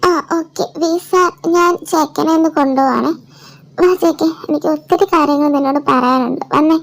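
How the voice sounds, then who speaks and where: A woman's voice: high-pitched, moderate pace, gravelly, pitched above the performer's own voice. A woman putting on a cooing, clingy young girl. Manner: sweet, cooing. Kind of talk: fan audio drama.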